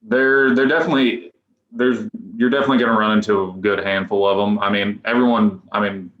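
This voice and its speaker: A man in his twenties, a professional pitcher, chatting loosely as a podcast guest with restarts and chuckles. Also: steady tone, brisk. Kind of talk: casual podcast interview. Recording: echoey room, dull lo-fi sound.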